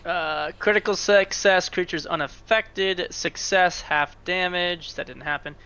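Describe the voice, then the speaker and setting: A man's voice: high voice, fairly even intonation, measured pace, bright, forceful tone, clear, resonant tone. A man narrating a tabletop game as game master, calling out rulings and action, in slightly muffled sound.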